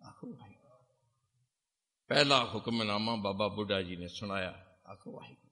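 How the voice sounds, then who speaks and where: A man preaching a sermon, chanting verses and leading the crowd in call-and-response, often rising to loud, high exhortation. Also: moderate pace. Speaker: Sikh preacher. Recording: long hall reverb.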